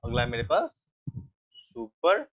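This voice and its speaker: A man's voice: mid-range voice, wildly swooping pitch, moderate pace. A young male teacher giving a grammar lesson in a classroom, explaining step by step and often checking with his students. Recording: dull lo-fi recording.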